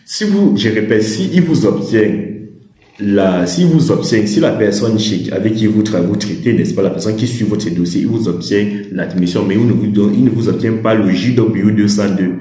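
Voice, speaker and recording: Man, casual advice talk, dark mellow voice, lowish pitch, roomy echo. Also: normal speed. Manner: rambling, many restarts and fillers, laughs at himself. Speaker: YouTuber advising on study in China.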